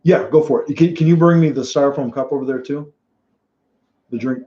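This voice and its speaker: A man hosting casual live fight commentary from home, telling stories in a rambling, animated way with many restarts. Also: mid-range voice, fairly quick. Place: home room watching fights. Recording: dull lo-fi sound.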